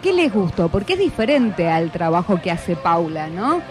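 A woman's voice: fairly low pitch, sing-song, normal speed. Woman on radio chatting w kids, very up and down voice, music behind, lots of little questions. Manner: chatty, checking in with short tag questions. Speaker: radio host. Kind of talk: casual interview with schoolchildren.

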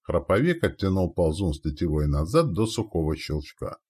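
A man with a very low voice narrating a war audiobook, his pitch rising and falling in an animated way. The reading is dramatic and vivid. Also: normal speed, slightly rough.

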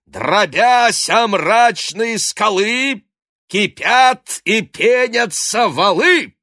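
A man voicing a brash, cheerful male swindler who shouts in loud, mocking, drawn-out calls in a storybook reading. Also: high voice, big pitch swings, no echo, clean studio sound, pitched above the performer's own voice, heavily acted. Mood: gleeful shouting.

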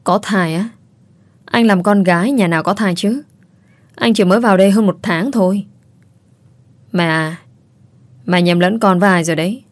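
A woman's voice: medium pitch, moderate pace, long pauses, no room sound, natural voice. A woman voicing a flustered, earnest young man. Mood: protesting. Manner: protesting, bewildered.

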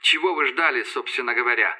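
A man reading an audiobook, voicing a calm, collected young male engineer who speaks quietly and tenderly. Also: medium pitch, quick pace, low-quality recording. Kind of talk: audiobook character voice.

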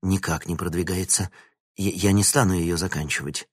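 A man's voice: sits low, fairly even intonation, moderate pace, breathy edge, no room sound, clean studio sound. A man voicing an agitated plump male professor who protests indignantly and raises his voice. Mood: quiet, hesitant. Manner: shouting, outraged, pleading.

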